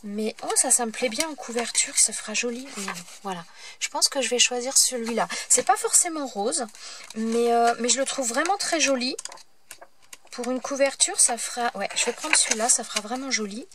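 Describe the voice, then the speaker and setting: Female craft tutorial host, slightly high voice, casual and halting, lots of fillers, faint noise behind. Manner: chatty, hesitant, many fillers and self-corrections. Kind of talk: casual step-by-step craft demonstration.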